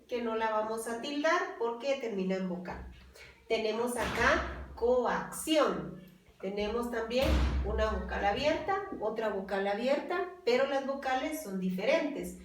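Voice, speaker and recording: Patient teacher, woman, very echoey room. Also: fairly high pitch. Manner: slow, patient, stressing key words. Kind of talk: classroom lesson explaining grammar rules. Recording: very echoey room, voice far from the mic.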